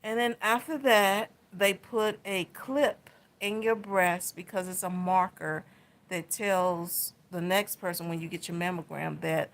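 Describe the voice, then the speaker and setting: Middle-aged woman vlogger, lowish gravelly voice, heartfelt and emotional retelling. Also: steady tone, a little slow. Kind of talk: personal health vlog story.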